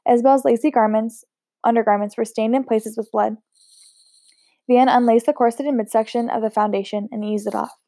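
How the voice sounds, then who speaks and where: A woman reads a novel aloud in a mellow, fairly high voice, steady and unpolished, now and then stumbling and restarting a word. The recording is dry and close, with no room sound. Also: brisk, dry recording. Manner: steady, unpolished reading with occasional slips and restarts. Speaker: audiobook reader.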